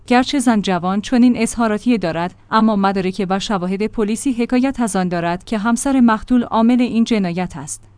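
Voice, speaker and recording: A woman reads out a crime news report with measured, formal delivery. Her voice is smooth and clean at a middle pitch. The recording is dry, with no room sound around her. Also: darkish tone, dry recording. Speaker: news narrator.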